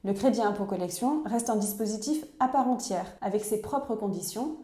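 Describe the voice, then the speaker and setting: A woman reading a scripted voice-over explainer in a clear, measured, instructive way. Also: medium pitch, mellow, roomy sound. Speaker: narrator of a tax explainer video.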